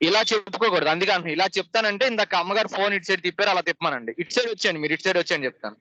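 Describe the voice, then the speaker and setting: A man on a phone video call, giving short, repeated instructions on where to place the camera and whether the voice is clear. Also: high-pitched, racing, sharp tone. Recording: dull lo-fi call audio.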